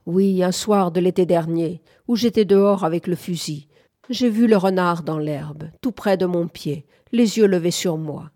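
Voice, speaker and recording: A woman's voice: fairly low pitch, measured pace, dark tone, lightly acted. A woman reading aloud, voicing a curt, moody young farm woman with a terse, sullen manner. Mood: guarded.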